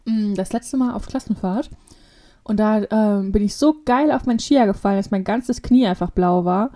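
A woman's voice: mid-range voice, normal speed. A young woman co-hosting a podcast, telling stories in casual chat and acting out what people said. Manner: animated storytelling, acts out quotes. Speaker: podcast co-host.

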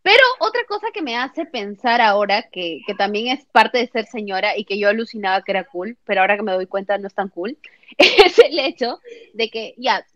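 A woman's voice: medium pitch, lively intonation, a little fast, no echo. A young woman with a Peruvian Spanish accent co-hosting a podcast, telling self-mocking stories in casual chat. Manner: chatty, self-mocking storyteller. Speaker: podcast co-host. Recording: dull lo-fi dry mic.

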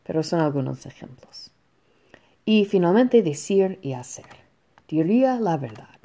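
Slow gravelly woman teaching Spanish. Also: fairly low pitch, sing-song. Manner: slow, patient explanations with soft fillers. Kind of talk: recorded online lesson.

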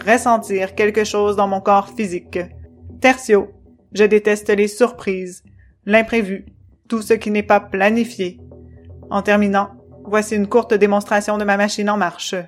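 A woman voicing a strict, controlling male machine character who speaks in a jerky, choppy, robot-like way, loud and clipped, in a children's storybook. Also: mid-range voice, natural voice.

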